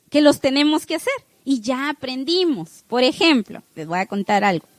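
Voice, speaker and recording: High-pitched lady teacher, keeps going "¿sí?", talking right to the class, dry close sound. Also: dry recording, poor audio. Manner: checks in with the listeners by asking "¿sí?" over and over; speaks straight to the audience with warm, coaching encouragement. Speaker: teacher leading an online class. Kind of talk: instructive talk to a class with a spiritual close.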